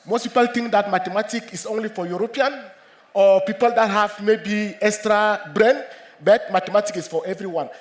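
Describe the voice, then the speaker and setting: A middle-aged man from Cameroon, a mathematics professor with a cold, giving an earnest public lecture to students, halting often and repeating himself as he explains. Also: high voice, steady tone. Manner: earnest, repetitive, halting with many restarts. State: has a cold.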